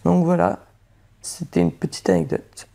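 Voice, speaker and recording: Man with a gravelly, husky voice. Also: on the high side, normal speed. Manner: flat, matter-of-fact, with many fillers. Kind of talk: casual storytelling.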